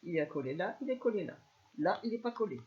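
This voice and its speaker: A woman with a northern French accent giving a live scrapbooking tutorial, chatty and soft-spoken, with many fillers. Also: on the low side, big pitch swings, quick pace, phone-quality sound. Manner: speaks softly, chatty, many fillers like "alors" and "hein". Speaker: scrapbooking demonstrator.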